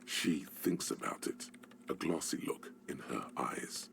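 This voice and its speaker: A male actor voicing a detective's knowing, sardonic inner voice as theatrical, deliberate game narration. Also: lively intonation, a bit bright, a little hiss or hum, exaggerated voice. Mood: knowing, observant. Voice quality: deep, gravelly.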